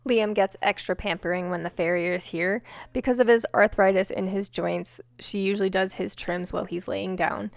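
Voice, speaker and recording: A woman's voice: medium pitch, steady tone, normal speed, creaky, no echo. Woman, 30s, casual vlog narration, chatty, outdoors, handheld camera. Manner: chatty, coos softly to the horses. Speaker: horse rescue farm owner. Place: outdoor horse paddock.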